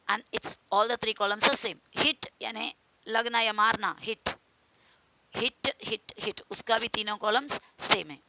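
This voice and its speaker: A woman teacher giving a grammar lesson, slowly repeating and spelling out each verb form. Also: medium pitch, vocal fry. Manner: slow, spells out words and repeats verb forms. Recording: hissy home recording.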